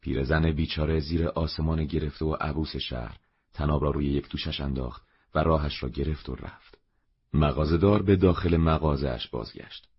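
A man reading a novel aloud as narrator, in a steady, measured way. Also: a bass voice, husky. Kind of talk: audiobook narration. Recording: dull lo-fi recording.

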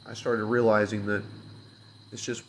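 Low-voiced young man ranting, unwell. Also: little pitch movement, normal speed, a little hiss or hum. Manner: frustrated, swearing, rambling with fillers. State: hungover and unwell. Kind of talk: casual rant to camera.

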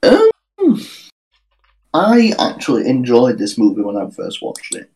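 A man co-hosting a casual film podcast, laid-back and quick to tease. He hesitates with fillers before giving his take. His voice sits at an average pitch. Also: wildly swooping pitch, darkish tone, low-quality recording. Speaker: podcast co-host. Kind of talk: casual film review chat.

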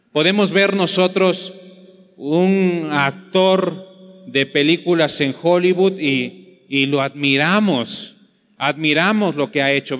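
Mexican preacher guy, slow earnest sermon, kinda high voice, long echo like a big church hall. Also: a bit bright. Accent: Mexican Spanish. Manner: slow, earnest preaching, acting out quoted excuses.

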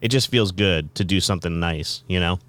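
Low-ish voice radio guy rambling on, lots of likes and you knows, casual interview chat. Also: fairly quick, fairly bright tone. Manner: rambling, full of fillers and restarts. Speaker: morning radio host.

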